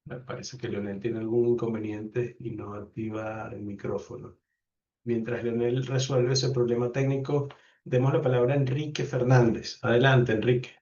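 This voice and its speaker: Male professor, mid pitch, polite, unhurried, heard from a distance on a dull call line. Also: steady tone, darkish tone. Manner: courteous, unhurried, thanks each speaker. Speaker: professor hosting an online class. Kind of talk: calling on participants in a video class. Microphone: video call.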